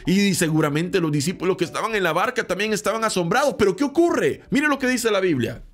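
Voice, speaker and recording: A man preaching a daily devotional sermon, earnest and emphatic, asking the listener rhetorical questions and slowing down to stress key phrases. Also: high voice, lively intonation.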